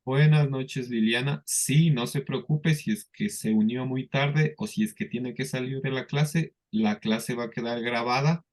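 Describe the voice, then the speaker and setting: Unhurried male teacher on an online class, drills pronunciation patiently. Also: medium pitch, darkish tone. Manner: patient, repeats words slowly for students. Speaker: English teacher.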